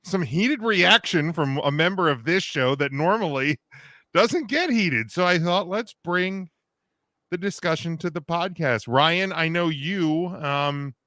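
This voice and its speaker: A man's voice: a little high, animated, a little slow, sharp tone, no echo, studio quality. A man in his thirties hosting a casual wrestling podcast, joking with co-hosts and reading the news with lots of fillers. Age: 30s. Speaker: podcast host.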